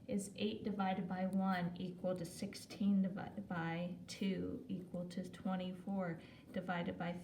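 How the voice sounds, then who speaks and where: In a recorded video math lesson, a woman with a lowish, warm voice works through problems at an unhurried pace, chatting as she writes and often correcting herself. She sits a little back from the mic, recorded from a distance in an echoey room with faint ambient noise.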